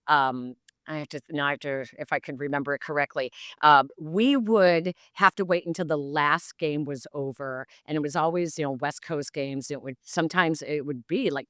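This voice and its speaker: A woman's voice: deep voice, dry recording, studio quality. A woman in her fifties, a sports broadcaster guesting on a podcast, tells rambling stories with lots of fillers. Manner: animated, rambling with many fillers. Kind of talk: casual anecdotal storytelling.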